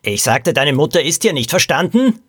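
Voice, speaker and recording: A man's voice: fairly high pitch, very animated, normal speed, fairly bright tone, husky, voice pushed up, full character voice. A man voicing a cold, stern woman who speaks in a curt way.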